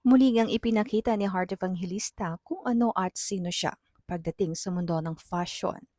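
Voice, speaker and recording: A woman's voice: mid-range voice, normal speed, no echo. Woman narrating celebrity news, dry studio sound. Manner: even, newsreader-like delivery. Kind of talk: scripted voice-over narration.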